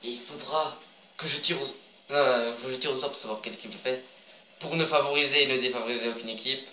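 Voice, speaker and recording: Homme bavard qui commente son propre match de jeu vidéo, ton enjoué, voix moyenne, prise de son lointaine dans une pièce qui résonne. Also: male voice, medium pitch, fast talker, reverberant, recorded from a distance, slight background noise, low-quality recording. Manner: chatty, excitable, cheers on his players. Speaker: video game player. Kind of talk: casual gameplay commentary.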